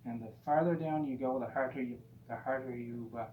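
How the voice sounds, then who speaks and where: A man teaching painting in a gentle, easygoing, encouraging way, casually talking through each step as he demonstrates. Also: mid-range voice, brisk. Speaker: painting instructor. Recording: dull, roomy sound with faint hum.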